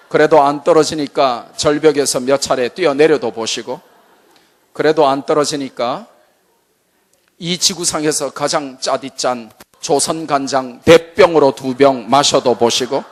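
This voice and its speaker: A male pastor from Busan giving a humorous evangelism sermon at a church seminar, animated and full of jokes. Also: mid-range voice. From Busan, South Korea. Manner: animated, joking, full of vivid asides.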